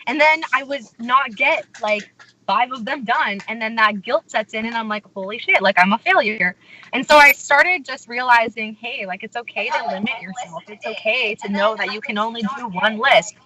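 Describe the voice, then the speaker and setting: A woman with a bright, somewhat high voice speaks frankly and upbeat on a live chat show. She swears in a casual, offhand way. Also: moderate pace, rough recording.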